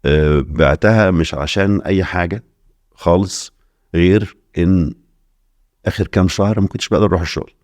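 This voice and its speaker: A middle-aged man from Alexandria with an Egyptian accent, a guest in a casual podcast interview, talking quickly and slipping English phrases into his speech. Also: low-pitched, a little mellow, no echo. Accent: Egyptian Arabic. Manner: rapid talk mixing in English phrases. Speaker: investor guest.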